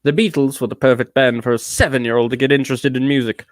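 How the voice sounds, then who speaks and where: A drunk man putting on an affected fake British accent to read aloud in a slow, grand, pompous way. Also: on the high side, big pitch swings, no echo.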